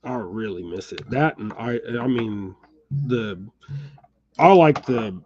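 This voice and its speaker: A man's voice: on the low side, lively intonation, slow, dark tone, dull audio, soft background music. A middle-aged American man with a slight Texas twang, chatting casually and chuckling as he ties fishing jigs and talks to viewers by name. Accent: Texas-tinged American, says y'all. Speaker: channel host. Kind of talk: casual chat while tying jigs. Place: home workshop.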